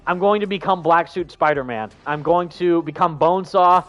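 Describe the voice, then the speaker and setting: A man's voice: a little high, normal speed, a bit bright, highs cut off. A young man hosting a gaming livestream, chatting casually and reading viewer comments in an enthusiastic, rambling way full of fillers. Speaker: livestream host.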